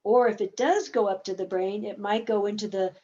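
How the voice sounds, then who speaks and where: A woman therapist hosting a webinar, explaining her methods slowly and casually. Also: mid-range voice, steady tone, mellow, highs cut off.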